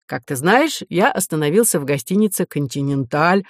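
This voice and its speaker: A woman's voice: low-pitched, expressive, normal speed, no echo, clean studio sound. A woman voicing a polite, self-assured young male swindler who talks with easy courtesy. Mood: smooth.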